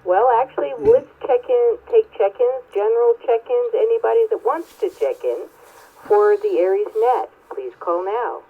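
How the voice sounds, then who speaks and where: Staticky narrowband radio, woman, net control operator, formal procedure, lively swooping pitch. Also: moderate pace, husky. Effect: two-way radio.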